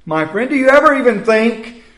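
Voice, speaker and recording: A man preaching a sermon, slow and emphatic, repeating key phrases for weight. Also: very high voice, lively intonation, fairly bright tone, reverberant.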